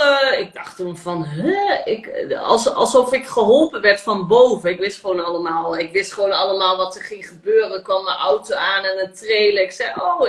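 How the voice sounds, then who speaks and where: A woman recounts a personal experience in a coaching session, hesitant and full of fillers. Her voice carries a noticeable roomy echo. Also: medium pitch. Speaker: session participant. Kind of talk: casual personal account. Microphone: online live session.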